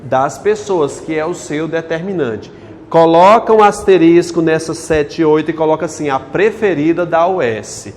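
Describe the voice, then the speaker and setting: A man's voice: a little high, normal speed, a little mellow, long reverb tail. A male teacher lectures a class on grammar, quizzing the students with questions as he goes.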